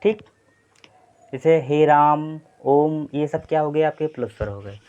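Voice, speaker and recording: Man teaching Hindi grammar, slightly raised pitch. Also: a little fast, dark tone. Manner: explanatory, repetitive, frequent "thik hai" check-ins. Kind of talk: exam-prep Hindi grammar lesson. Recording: slightly dull lo-fi sound.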